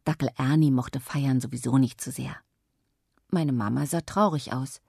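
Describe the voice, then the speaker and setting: Low, gravelly woman telling a children's story. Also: normal speed, dry recording, clean studio sound. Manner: calm, clear storytelling in first person. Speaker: audiobook narrator. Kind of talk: children's audiobook narration.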